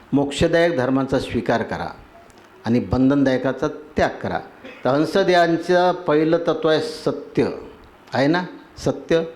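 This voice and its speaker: A man's voice: on the high side, a little mellow. A man, a spiritual teacher giving a devotional sermon. He lists terms in rhythmic runs and keeps asking his listeners whether they agree. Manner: asks the audience for agreement.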